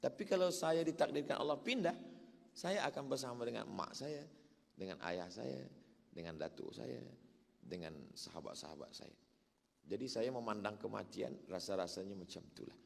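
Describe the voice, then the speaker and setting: A man, an Islamic preacher, telling religious stories in a lively way and acting out the quoted speech. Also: on the low side, normal speed, creaky. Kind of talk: religious talk with storytelling. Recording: long hall reverb.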